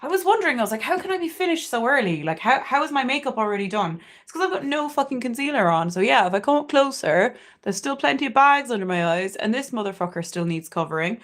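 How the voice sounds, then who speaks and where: A young beauty livestreamer from Cork, Ireland, chats candidly and swears freely while doing her makeup on stream, in a Cork Irish accent. Her voice is fairly high and a bit bright, and she talks fast and animatedly with few pauses.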